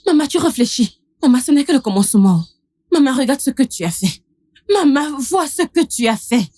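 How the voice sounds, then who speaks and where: A woman's voice: high-pitched, sing-song, normal speed, dark tone. An actress dubbing a defiant, spoiled young village daughter who talks back mockingly to her mother. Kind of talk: dubbed film acting.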